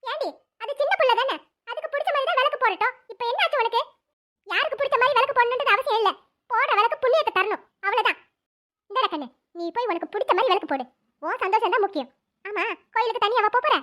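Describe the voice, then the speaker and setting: A woman voicing a stern, bossy old village grandmother in a cartoon, with a shrill scolding manner. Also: fast talker, a bit bright. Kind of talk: cartoon voice acting.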